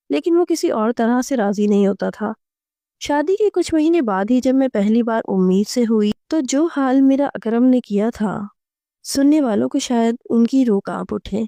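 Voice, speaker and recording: A woman narrating a romantic audio novel in the first person, in a steady, even storytelling manner. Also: fairly high pitch, vocal fry, no echo, studio quality.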